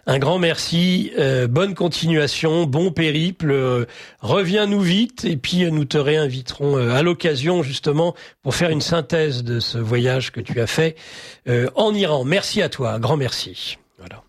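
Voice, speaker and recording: A man's voice: a little high, animated, no room sound, clean studio sound. A man hosting a radio talk show, reading out listener messages with many hesitations and formal courtesy. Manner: halting, many fillers, formal courteous address.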